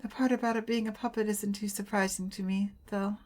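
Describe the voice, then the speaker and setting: Woman reading as an even-toned, bewildered young man. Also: mid-range voice, brisk, close to an everyday voice. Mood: calm, puzzled. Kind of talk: video game dialogue read-aloud.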